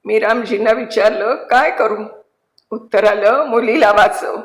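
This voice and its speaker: A woman voicing a humble male convict who speaks respectfully and softly, calling the jailer sir, in a story reading. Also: a little high, a little slow. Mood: subdued, solemn. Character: humble male convict, quiet, remorseless protector. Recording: roomy echo.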